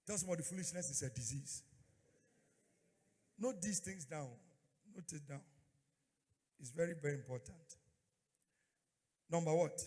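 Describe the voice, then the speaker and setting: A man's voice: fairly high pitch, a little mellow, husky. A man preaching a fiery church sermon, exhorting his congregation, repeating key phrases and prompting them to respond. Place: large echoing church hall. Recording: long hall reverb.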